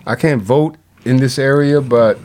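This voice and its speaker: A man, a guest on a radio talk show, talking in a halting, rambling way full of fillers and restarts, with sudden bursts of animated emphasis. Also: mid-range voice.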